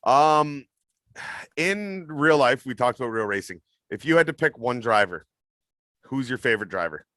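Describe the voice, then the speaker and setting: A man's voice: medium pitch, expressive, normal speed, bright, forceful tone, no room sound. Guy hosting a chill interview, rambly friendly questions, dry close sound. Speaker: podcast host. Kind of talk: casual interview chat.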